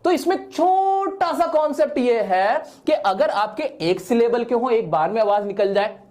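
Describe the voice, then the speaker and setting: A man's voice: extremely high pitch, expressive, unhurried, darkish tone. A man teaching English grammar in an online lesson. He asks questions and answers them himself, repeats key points and slips English words into his explanations.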